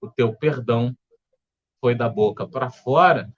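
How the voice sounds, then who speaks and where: A man with a Brazilian Portuguese accent leading a spiritual study group, speaking in a calm, gentle, explanatory way. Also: mid-range voice, measured pace, muffled recording. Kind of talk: reflective spiritual study talk. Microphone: home setup with earphones.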